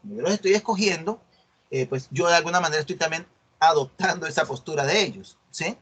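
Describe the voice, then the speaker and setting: Lively lecturer, talkative man. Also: a little high, brisk, slightly rough. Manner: explains by acting out student dialogues, checks understanding often. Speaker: university lecturer. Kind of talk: online class lecture. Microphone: video call.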